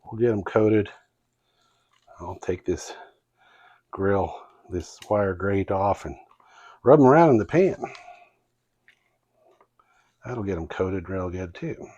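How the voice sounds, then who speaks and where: This is a man with a Midwestern accent talking through a cooking demonstration in his home kitchen. His voice sits a little low and he speaks very slowly, easygoing, with many pauses and fillers. The recording sounds slightly muffled. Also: darkish tone. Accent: Midwestern American. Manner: slow, folksy, hesitant with many fillers. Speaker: cooking channel host.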